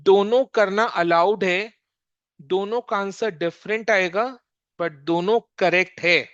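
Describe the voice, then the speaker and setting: A commerce teacher giving a recorded accounting lesson, working through a problem slowly and repeatedly quizzing the listener. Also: medium pitch, a bit bright, clear, resonant tone, no echo, highs cut off. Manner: slow, repetitive, quizzing the listener.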